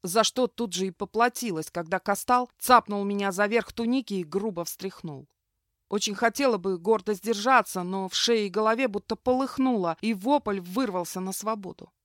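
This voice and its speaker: A woman's voice: mid-range voice, normal speed, no room sound. Woman audiobook narrator, first-person fantasy, fierce vivid reading, dry close sound.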